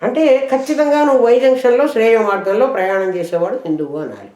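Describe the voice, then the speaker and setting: Woman teacher leading a scripture lesson with rhetorical questions, mellow voice, roomy echo. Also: a little high. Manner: explains verses with rhetorical questions; chants verses slowly. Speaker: spiritual teacher.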